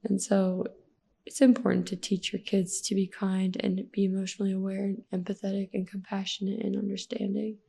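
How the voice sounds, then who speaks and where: Gravelly low-toned woman sharing candidly. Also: brisk. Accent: American. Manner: candid, animated storytelling with laughs. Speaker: podcast guest. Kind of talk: casual conversational interview.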